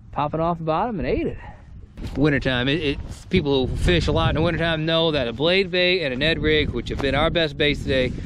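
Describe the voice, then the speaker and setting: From a bass boat on a lake, a middle-aged man hosts a casual fishing vlog, folksy and excited, exclaiming whenever he lands a catch. His voice is on the high side, and the action camera picks up outdoor wind and boat noise.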